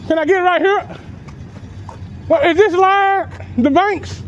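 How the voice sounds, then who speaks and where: A man's voice: very high voice, slow, lo-fi sound, slight background noise. A man filming police on a public sidewalk, taunting and mocking them in confrontational street talk, laughing often, picked up by the handheld camera he films with.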